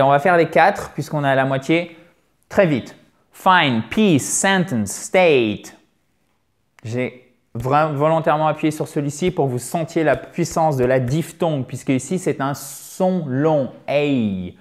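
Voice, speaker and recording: A man teaching English pronunciation in an online lesson, playfully stretching vowel sounds to demonstrate them and often checking in with his listeners. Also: medium pitch.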